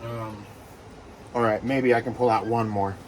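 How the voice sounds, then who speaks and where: A man who breeds reptiles talks casually in a vlog while handling geckos, with lots of fillers and soft reassurances to the animals. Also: fairly low pitch, fairly even intonation, unhurried, slight background noise. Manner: rambling, filler-heavy, coos softly to the geckos.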